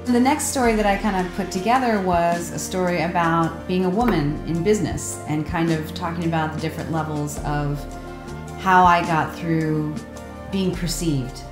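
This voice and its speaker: A woman talking chattily and candidly in an interview about contributing a story to a book. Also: fairly low pitch. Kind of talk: casual interview talk. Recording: roomy with faint music.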